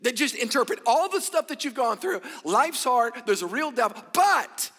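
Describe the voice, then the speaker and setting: A man preaching at a pulpit microphone, his voice high for a man and driving hard. He pushes every point with rhetorical questions and has the congregation repeat phrases back. His words ring out with a long reverb through a big church hall. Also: very animated, normal speed, fairly bright tone, slightly rough. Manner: emphatic, rhetorical questions, call-and-response with congregation. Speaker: pastor. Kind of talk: sermon.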